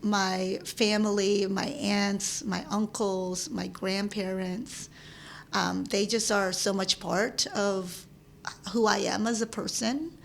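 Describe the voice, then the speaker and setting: A woman in her forties from the Philippines, a podcast guest talking casually, halting with many restarts and frequent laughs. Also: medium pitch, fairly even intonation, creaky, a little hiss or hum. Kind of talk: casual interview chat.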